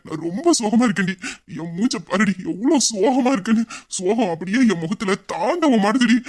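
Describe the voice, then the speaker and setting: A young man voicing a playful, smug husband in an audio drama, teasing and mock-sad. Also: high voice. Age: young adult.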